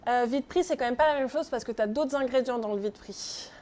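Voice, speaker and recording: A woman with a darkish voice on the high side leads a live online baking class, speaking fairly quickly. The pastry instructor is chatty in her kitchen, cracks jokes with viewers, and often says "ok?" to check in.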